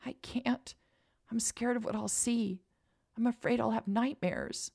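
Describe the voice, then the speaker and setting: A woman voicing a frightened young woman who speaks softly and pleadingly in a storybook reading. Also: on the high side, fairly even intonation, a little slow, gravelly, breathy edge, voice pushed up, full character voice. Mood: scared.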